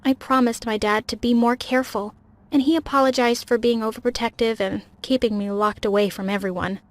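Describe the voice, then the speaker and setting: A young woman giving scripted first-person narration of an animated story, with a dramatic, emotional delivery. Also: on the high side, a little fast.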